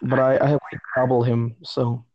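A man's voice: mid-range voice, flat delivery, normal speed, darkish tone, highs cut off. A man hosting a casual podcast, rambling and teasing with lots of restarts. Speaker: podcast host.

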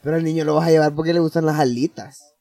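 A man's voice: fairly high pitch, fairly even intonation, quick pace, crowd noise. A man co-hosting a podcast, joking and laughing in casual chat. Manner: joking, laughs often, ironic. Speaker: podcast co-host.

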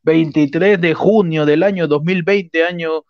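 Picture a man hosting a loose, comedic radio show, cracking jokes and breaking into laughter. His voice sits a little high. The recording sounds dull and lo-fi. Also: fairly even intonation, measured pace, no echo. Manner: joking, mock shouting, frequent laughter. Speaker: host. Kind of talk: casual comedic radio chat.

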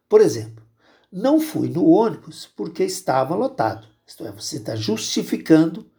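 A man's voice: on the high side, gravelly, dark tone. A man with a Brazilian Portuguese accent, a teacher giving a spoken grammar lesson and patiently repeating each rule.

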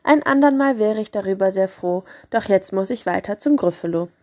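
A woman voicing a small, clever, bold mouse in a storybook reading, with a lively raised voice. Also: mid-range voice, fairly quick, lightly acted. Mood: cheerful.

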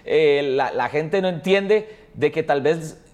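A man with a Costa Rican accent talks as a guest in a relaxed interview. His voice sits a touch high, and he tells his story in a chatty, rambling way, tagging on little questions as he goes. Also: takes it slowly. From Costa Rica. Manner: chatty storyteller, often adds tag questions and laughs. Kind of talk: casual interview.

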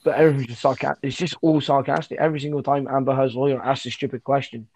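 Husky-voiced man telling anecdotes. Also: medium pitch, level tone, fast talker, a little mellow, no room sound. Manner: storytelling, mimics people, swears. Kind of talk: casual chat.

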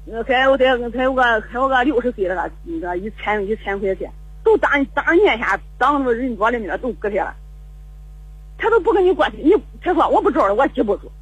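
This caller to a radio program is an older woman whose slightly rough, a little high voice comes through a rough phone connection. She tells a long story that wanders and repeats itself, full of stammered restarts.

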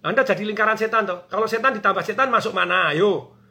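A man talking on a radio show as a business coach, energetic and acting out quoted bosses and workers. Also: sits high, racing. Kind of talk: animated radio talk.

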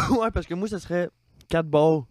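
A man's voice: sits high, takes it slowly, no room sound. A young man with a Quebec French accent in crude casual chat, laying out gruesome details in a matter-of-fact way.

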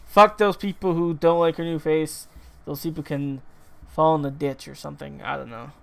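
A man co-hosting a casual podcast chat with friends, loud and blunt, swearing freely and laughing often. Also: on the high side, steady tone, normal speed, gravelly, clear, resonant tone. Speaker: podcast co-host.

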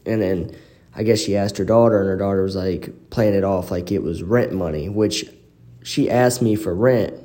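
A man's voice: low-pitched, moderate pace, warm tone. A man hosting a podcast, telling a personal story in a rambling casual way with lots of fillers, recorded on a phone in an echoey apartment living room. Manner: rambling, frequent "you know" fillers. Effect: echoey room reverb. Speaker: podcast host.

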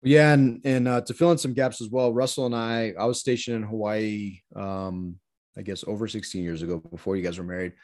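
A man's voice: on the low side, steady tone, fairly quick, darkish tone. A man in his forties co-hosting a podcast, introducing a guest in an earnest, effusive way, with many restarts. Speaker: podcast co-host. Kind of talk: casual interview chat.

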